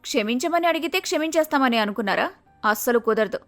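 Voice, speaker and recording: A woman voicing a prejudiced young village woman who loudly scolds and accuses others, in a cartoon story. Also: high-pitched, animated, quick pace, soft background music. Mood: accusing.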